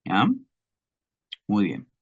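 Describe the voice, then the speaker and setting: Speaking with a Peruvian Spanish accent, a man delivers a recorded class lecture slowly and deliberately, repeating examples and checking understanding with tag questions. His tone is fairly bright, and the sound is lo-fi.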